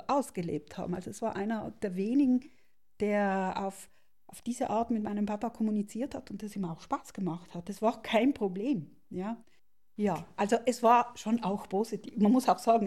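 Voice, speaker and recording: Middle-aged woman, gravelly, warm low tone, reflective, hesitant. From South Tyrol, Italy. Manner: thoughtful, searching for words with many pauses and restarts. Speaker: interview guest. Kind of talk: reflective personal storytelling.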